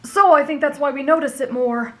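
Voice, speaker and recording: In an anime fan audio roleplay, a woman voices a kind, naive teenage demon slayer boy who explains things gently and sincerely. Her voice sits high and moves at a fairly quick pace.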